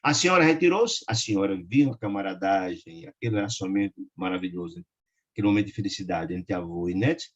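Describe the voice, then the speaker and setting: A man leading a study group, reading a religious book aloud and breaking off for warm asides. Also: lowish voice, very animated, fast, muffled recording. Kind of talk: reading and commenting a spiritist book.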